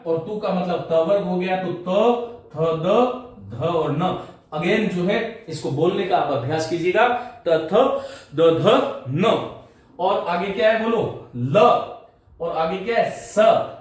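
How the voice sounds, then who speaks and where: A male teacher with a high voice lectures on grammar, pronouncing sounds aloud in drills and putting questions to the class. He is recorded from some distance in a strongly echoing room. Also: darkish tone. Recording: echoey room, mic at a distance.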